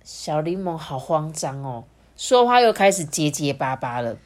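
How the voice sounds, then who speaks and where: Animated storyteller woman. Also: low-pitched, moderate pace. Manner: animated, talks directly to children. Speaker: storyteller for children. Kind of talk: children's storybook reading.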